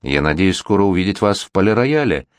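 Guy reading as a smooth old-court regent, low voice, dry, pushy and charming. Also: very animated, brisk, no room sound. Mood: insistent. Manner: gallant, insistent. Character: worldly, flirtatious middle-aged male prince regent.

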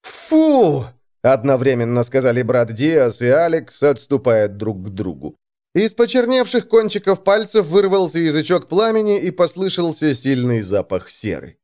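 A man narrating an audiobook in a dramatic, expressive reading. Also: medium pitch, moderate pace. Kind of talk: scripted narration.

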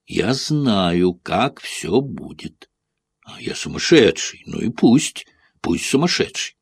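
Male reader doing frightened foreign traveller, shrill and insistent, husky edge, pitched up from his low voice, dry recording. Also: big pitch swings, takes it slowly, no echo, heavily acted. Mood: hysterical. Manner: shrill, insistent, repeating himself. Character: frightened foreign man, panicky and pleading.

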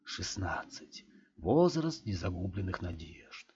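A man voicing a tense, frightened man who hides and mutters to himself in a hushed voice, in a dull lo-fi recording. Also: low-pitched, slow, a little hiss or hum. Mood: whispered.

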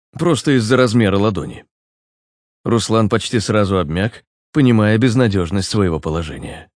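A man narrating an audiobook in an even, steady storytelling manner. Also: fairly low pitch, dry recording, clean studio sound. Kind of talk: scripted narration.

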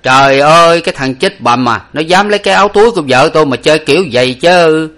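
A man voicing an excitable male household servant who exclaims loudly. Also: medium pitch, a little fast, pitched above the performer's own voice, natural voice. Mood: exclaiming. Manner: loud, exclaiming.

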